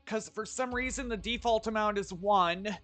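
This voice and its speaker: A man's voice: high voice, moderate pace, fairly bright tone. A man streaming a game, chatting loosely with his viewers and swearing casually as he sets up battles. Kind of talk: casual gameplay commentary.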